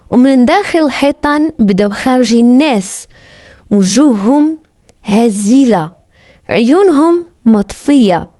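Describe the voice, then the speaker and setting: A woman's voice: a little high, mellow, no echo, studio quality. A woman with a Moroccan accent narrating a story in a dramatic, suspenseful way. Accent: Moroccan Arabic.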